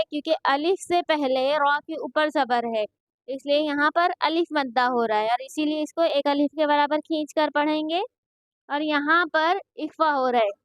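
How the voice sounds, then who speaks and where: A woman's voice: high-pitched, fairly bright tone, dry recording. A woman teaching Quran reading, patiently spelling out letters and syllables, then explaining the rules. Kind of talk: slow spelled-out recitation drills with explanations.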